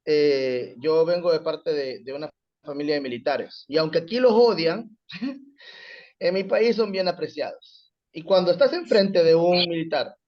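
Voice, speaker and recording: Lively storyteller man, muffled line. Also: fairly high pitch, measured pace. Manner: animated storyteller, acts out quoted shouts. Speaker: class participant. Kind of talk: sharing a personal story in class.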